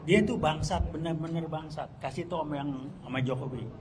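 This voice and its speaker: A man's voice: fairly high pitch, fast, crowd noise, low-quality recording. An older man speaking heatedly and bluntly at a press conference, slipping into slang and acting out quoted exchanges. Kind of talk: impassioned press conference speech.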